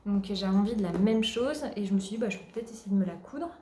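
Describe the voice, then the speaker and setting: A woman hosting a craft podcast, casually showing her work and pausing often with fillers. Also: mid-range voice, animated, warm tone, slight background noise. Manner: hesitant, many filler pauses. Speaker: podcast host. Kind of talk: casual show-and-tell chat. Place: at home. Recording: roomy echo.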